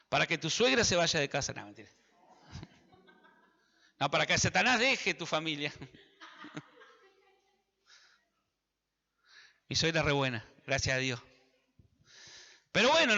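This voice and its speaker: A man with an Argentine Spanish accent and a high, sharp voice preaches a sermon, emphatic and repetitive, addressing his listeners directly. It sounds like a big room, with the highs cut off.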